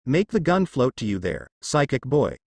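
A man's voice: mid-range voice, wildly swooping pitch, moderate pace, darkish tone, no room sound. A man voicing a gloating, menacing male demon who mocks his captives. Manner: taunting, mocking.

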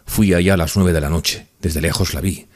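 A male audiobook narrator reads a classic novel in an earnest, steady first-person voice. His voice sits very low, with a husky, breathy texture. The delivery stays measured and literary.

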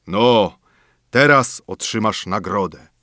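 A man voicing a menacing male giant spirit, speaking slowly and loudly in an audiobook fairy tale. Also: dry recording, clean studio sound. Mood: coaxing. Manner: slow, loud and booming.

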